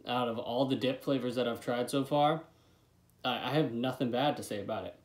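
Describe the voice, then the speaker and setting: Talking briskly in a mid-range voice, a young product reviewer in his twenties films a relaxed vlog from a desk in a small bedroom. He keeps a lip full of dip and doesn't hold back on the swearing.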